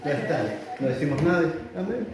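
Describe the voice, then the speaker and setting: Chilean male preacher, slightly high voice, emphatic and repetitive, very roomy church sound. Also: expressive, normal speed, distant mic, a loud crowd. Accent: Chilean Spanish. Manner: emphatic, repetitive preaching with sudden loud rises. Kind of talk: sermon. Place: church hall. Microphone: filmed for online viewers. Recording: very echoey church hall.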